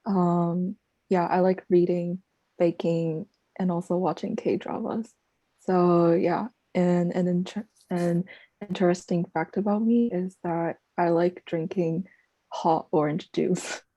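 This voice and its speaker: A young woman, an incoming college student, giving a relaxed introduction in an online meeting. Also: on the low side, slow, no room sound. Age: young adult. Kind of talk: casual self-introduction.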